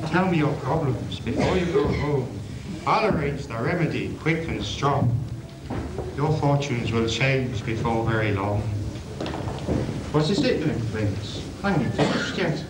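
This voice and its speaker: A man's voice: a little high, sing-song, a little slow. A man playing a grand, wry dream spirit in a community pantomime, with declamatory theatrical delivery. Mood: grand, incantatory. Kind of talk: community pantomime stage acting. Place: on stage in a school hall. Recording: noisy, echoey 1980s school hall video.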